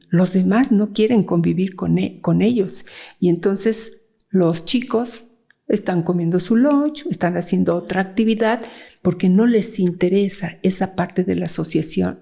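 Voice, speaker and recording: A woman's voice: medium pitch, vocal fry, warm tone, husky. A woman child psychiatrist, explaining cases in a conversational interview, with fillers and frequent "¿sí?" checks. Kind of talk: explanatory interview talk with anecdotes.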